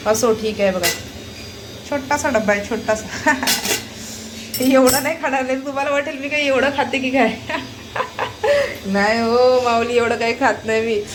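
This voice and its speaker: A woman's voice: high voice, a little fast, noisy background. A woman from Konkan chatting at home as a family vlogger, talking straight to her viewers and keeping them looking at what she shows. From Konkan, Maharashtra. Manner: chatty, keeps calling viewers to look. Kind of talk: casual vlog chat to viewers. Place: at home, in the kitchen.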